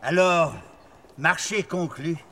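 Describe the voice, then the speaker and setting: An actor playing a sly innkeeper who smugly seals a deal and promises good care. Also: male voice, fairly high pitch, slow, sharp tone, a little hiss or hum, heavily acted. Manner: smug, oily assurance.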